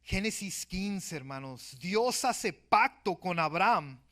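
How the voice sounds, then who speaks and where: Man preaching a church sermon, pitched a bit high, bright and forceful, keeps calling out to the brethren. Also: expressive, slow pace. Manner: emphatic, often calls out to the brethren. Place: church service.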